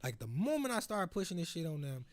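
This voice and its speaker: An American man over 25 co-hosts a podcast, speaking fast in a slightly high, very animated voice. The conversation is casual and reflective, and his speech is slangy, sometimes profane, with phrases repeated as he goes.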